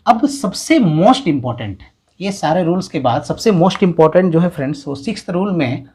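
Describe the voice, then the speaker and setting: A man teaching a grammar lesson step by step. He sounds out syllables slowly and keeps checking in with the class. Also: fairly high pitch, lively intonation, a little mellow, slightly rough. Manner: explains step by step, often checks in with "है ना" and "ठीक है". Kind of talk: classroom-style video lesson.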